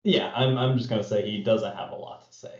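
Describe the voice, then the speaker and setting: A man's voice: fairly low pitch, steady tone, a little fast. A man playing a tabletop game, speaking hesitantly with lots of fillers, in dull, roomy audio. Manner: hesitant, filler-heavy speech. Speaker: player. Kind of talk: tabletop game role-play.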